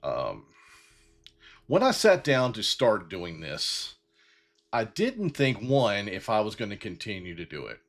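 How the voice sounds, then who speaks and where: Man in his fifties, low voice, lively up-and-down delivery, halting, full of ums and restarts. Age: 50s. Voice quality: bald-headed. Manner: rambling with many fillers and restarts. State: getting emotional. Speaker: podcast host. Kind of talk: heartfelt solo talk.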